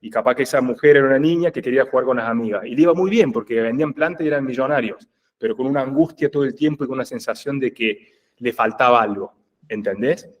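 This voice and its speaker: A man's voice: medium pitch, fast. Male group facilitator, Rioplatense accent, mid-range voice, didactic and conversational, checks understanding often. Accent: Rioplatense Spanish. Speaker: group facilitator in family constellations.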